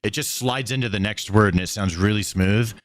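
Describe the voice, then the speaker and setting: Low voice guy on a live stream bossing his editor around, swears a lot, drags out his s's. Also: no room sound. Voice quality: drawn-out S sounds. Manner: blunt, bossy, sweary. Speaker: streamer and video creator directing an editor. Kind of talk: casual live-stream talk.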